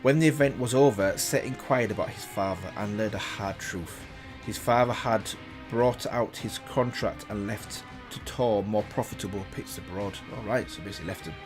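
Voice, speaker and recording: This reaction video host speaks at a normal speed in a fairly low voice, reading a text aloud and stopping for relaxed side comments. Music blares loudly behind him.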